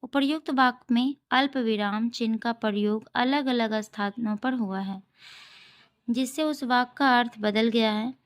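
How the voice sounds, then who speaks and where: A woman tutor with a slightly high voice walks through homework answers at an unhurried pace. She reads each question aloud, then explains the answer step by step, like a patient teacher. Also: smooth.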